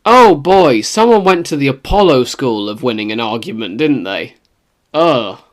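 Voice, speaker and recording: A man's voice: mid-range voice, animated, normal speed. A man co-hosting a podcast who reacts to the story in casual chat with wry, sarcastic quips. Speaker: podcast co-host.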